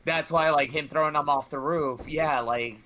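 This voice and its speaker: A man's voice: fairly high pitch, fairly even intonation, moderate pace, bright, forceful tone, slight background noise. A man in a casual reaction chat, talking with many "um"s and "you know"s.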